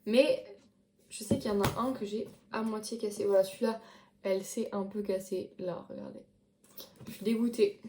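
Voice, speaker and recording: A young woman talks casually through her reading of the past year, holding up books and restarting her sentences often. Her voice sits in a middle pitch. The room around her is echoey. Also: fairly even intonation, normal speed, warm tone, a little hiss or hum. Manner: chatty, many fillers and restarts, showing books to camera. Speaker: book vlogger. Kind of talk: casual chat.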